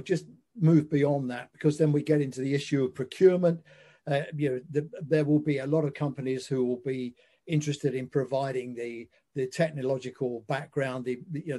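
Older man asking husky, rambling questions. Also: a little high, dark tone. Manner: probing, rambling questions with many fillers. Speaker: interviewer, conference host. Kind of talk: conversational interview over video call. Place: indoor room with plain backdrop. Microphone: video call webcam mic.

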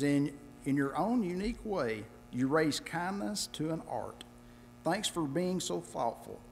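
A man gives plain church announcements from the pulpit, slowing down as he reads out a card. His voice is fairly high and moves a lot in pitch. A long church reverb and a faint hum sit behind him. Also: a little mellow.

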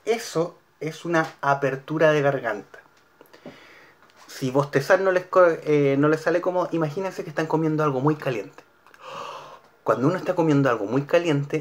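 A man with a Chilean Spanish accent, a school music teacher giving a recorded singing lesson to his students, explaining and demonstrating exercises in a calm, clear way. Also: fairly high pitch. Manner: calm, clear instructional delivery with demonstrated vowels.

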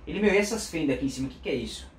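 A man's voice: a little high, expressive, very fast. A man casually telling a story and acting out both sides of the conversations. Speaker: motorcycle vlogger. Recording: roomy room, mic at a distance, faint background hum.

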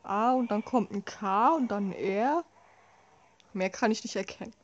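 A woman's voice: mid-range voice, moderate pace, dull audio. A woman giving casual, wry, sarcastic commentary as she plays a horror game. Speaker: let's play host.

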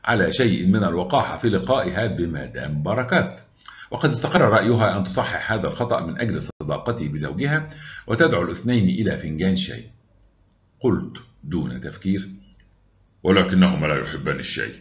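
A man with an Egyptian accent narrating a story aloud in a wry, unhurried way. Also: deep voice, big pitch swings, muffled recording. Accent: Egyptian Arabic.

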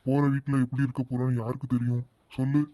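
A man voicing an easygoing, indulgent village father in a cartoon, calm and reassuring. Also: mid-range voice, quick pace, no room sound, close to an everyday voice. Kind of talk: animated cartoon voice acting.

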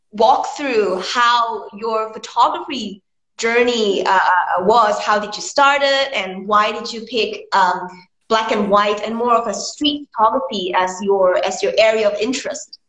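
A young woman interviewing a guest over a video call, friendly and halting, with many fillers. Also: on the high side, fairly bright tone, roomy sound. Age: young adult. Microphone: video call, built-in mic.

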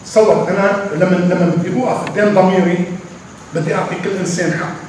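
An older man, a poet answering questions in an animated, emphatic way, with drawn-out pauses. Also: high-pitched. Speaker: poet being interviewed. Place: large echoey hall. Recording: echoey hall from far off, faint noise.

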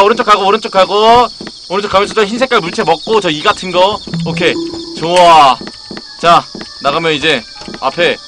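A young adult male streamer coaching a teammate through a horror game, swinging between gentle reassurance and frantic yelling. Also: on the high side. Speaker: gaming streamer. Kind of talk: horror game relay commentary. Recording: clear background noise, game ambience with crickets.

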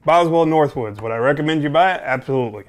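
A man's voice: on the high side, expressive, fast talker. Man musing through a casual review. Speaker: pipe tobacco reviewer. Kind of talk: casual unscripted product review to camera. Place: small home office, indoors.

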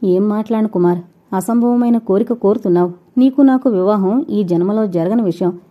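A woman's voice: medium pitch, moderate pace, lightly acted. A woman voicing a proud widowed mother who answers in a stern, indignant way. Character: proud widowed mother, older than her suitor. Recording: dull lo-fi recording.

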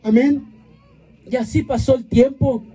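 A man's voice: very high-pitched, fairly even intonation, a little slow, dark tone, husky. A man giving an impassioned church testimony at an outdoor prayer vigil, calling out to the congregation like a preacher.

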